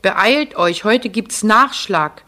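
Give me a woman doing a calm, deep-voiced kind man. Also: takes it slowly. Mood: hearty. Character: calm kind older man, camp overseer.

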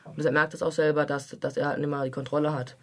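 Brisk young man reading aloud. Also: fairly high pitch, flat delivery, a bit bright. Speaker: book reviewer and reader. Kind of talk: reading a novel excerpt aloud, then casual review chat.

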